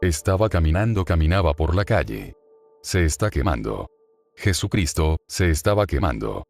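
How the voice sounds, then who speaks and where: A man's voice: rumbling low, very animated, normal speed, creaky, a little mellow, soft background music, heavily acted. A man reading as a terrified woman caller. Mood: frightened.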